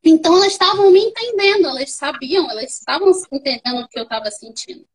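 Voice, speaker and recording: A young woman with a Brazilian Portuguese accent, a podcast guest telling her own story in a casual, animated way and acting out the voices of others. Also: very high voice, fast, poor audio.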